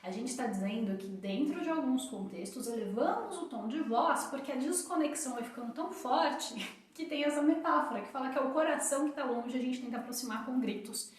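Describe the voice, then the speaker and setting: High-voiced Brazilian woman in an echoey room. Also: fairly quick, few pauses. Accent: Brazilian Portuguese. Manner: explanatory, repeats phrases for emphasis. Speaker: co-host of a live talk on emotional awareness. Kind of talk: live conversational explanation. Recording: echoey room, far from the mic.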